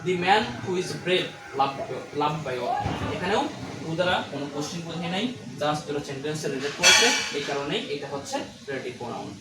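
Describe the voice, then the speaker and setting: Guy teaching english grammar, rapid, roomy echo and background noise. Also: a little high. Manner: explains quickly, slows right down to read English examples. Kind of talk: classroom-style grammar lesson. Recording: roomy, distant mic, noisy.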